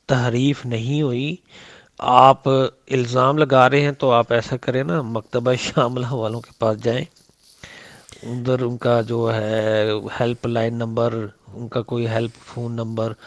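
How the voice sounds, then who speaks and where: A man's voice: medium pitch, fairly bright tone, dry recording. A man in a heated debate over voice messages, combative and repeating his points with rising emphasis.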